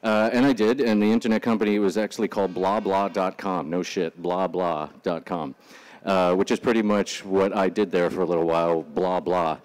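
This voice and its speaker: Profane, joking man with deep voice. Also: fairly even intonation, moderate pace, a little mellow. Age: 40s. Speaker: speaker. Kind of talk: casual motivational talk. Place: stage before a live audience.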